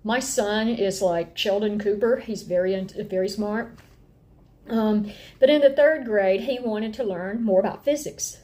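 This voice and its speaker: A middle-aged woman with an Appalachian accent, chatting casually to camera in a folksy, animated, expressive way. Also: medium pitch, unhurried. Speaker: homeschooling parent and vlog host. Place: indoor room at home.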